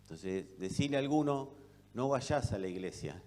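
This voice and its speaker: A man preaching a sermon with an Argentine accent, asking rhetorical questions and swinging between loud and soft delivery. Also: mid-range voice, animated, moderate pace. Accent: Argentine Spanish. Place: church hall. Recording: long reverb of a church hall.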